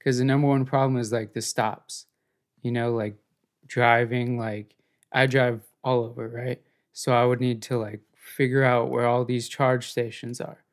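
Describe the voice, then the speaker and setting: A man's voice: mid-range voice, little pitch movement, measured pace. A man co-hosting a podcast in casual chat, joking and rambling in a laid-back way. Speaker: podcast co-host.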